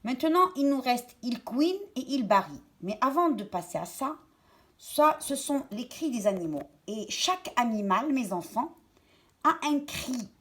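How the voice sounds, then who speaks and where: Slow-speaking woman teacher for young children. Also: sits high, sing-song, a bit bright. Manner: slow, clear, repeats words and syllables for young pupils. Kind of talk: French lesson for children.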